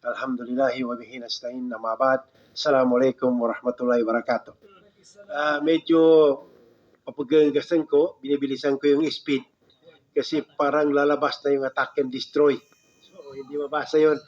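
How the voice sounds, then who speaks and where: A man preaching an Islamic lecture in a lively storytelling way, with his voice jumping up high at the punchlines. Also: moderate pace. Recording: dull lo-fi recording.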